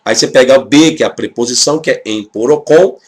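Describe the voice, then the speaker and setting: A man's voice: mid-range voice, fast talker. A man teaching Hebrew grammar with a Brazilian Portuguese accent, explaining step by step in a casual classroom way. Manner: explains step by step, often adding "tá?".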